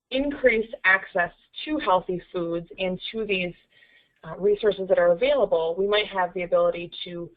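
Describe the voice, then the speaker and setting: A woman program coordinator giving steady, rehearsed answers in a practice interview. Her middle-pitched voice comes over a thin, phone-like line. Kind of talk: mock media interview answers.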